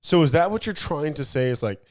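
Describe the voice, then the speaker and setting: Fairly high-pitched and expressive, this podcast co-host speaks a little fast in a relaxed conversation. He leans on analogies to explain ideas, steers his partner with leading questions, and frequently starts sentences over.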